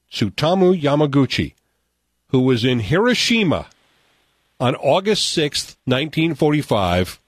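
An American man hosting a radio show, telling stories and running a game in an animated, conversational way. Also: mid-range voice, no room sound, studio quality. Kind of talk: broadcast talk, storytelling and game hosting. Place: radio studio. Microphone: close studio mic.

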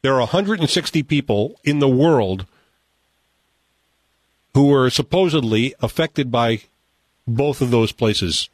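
A man's voice: mid-range voice, lively intonation, measured pace, pauses often, no room sound. Dry-sounding American male radio host. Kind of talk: broadcast talk, storytelling and game hosting. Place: radio studio. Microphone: close studio mic.

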